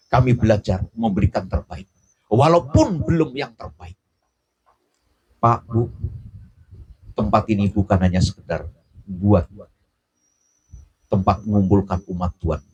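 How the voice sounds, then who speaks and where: A man preaching a sermon, telling stories with passion as his voice swings low to high. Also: a little mellow, husky, muffled recording. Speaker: pastor.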